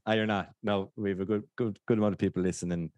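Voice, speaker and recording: Irish guy w west of ireland accent, low voice, hosting a chatty podcast, jokey, very dry sound. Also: steady tone, quick pace, a little mellow, no room sound. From County Clare, Ireland. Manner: jokey, self-deprecating. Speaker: podcast host. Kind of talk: casual interview chat.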